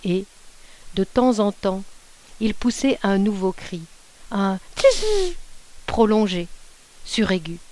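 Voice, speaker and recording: A woman narrating a classic short story in a measured, unhurried reading voice. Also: medium pitch, a little mellow. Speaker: audiobook reader.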